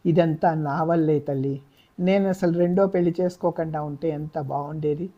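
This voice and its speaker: A woman reading a novel aloud, voicing a guilt-ridden older father who speaks softly and apologetically. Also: sits low, steady tone, moderate pace, highs cut off. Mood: remorseful. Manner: soft, apologetic. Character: remorseful helpless older father.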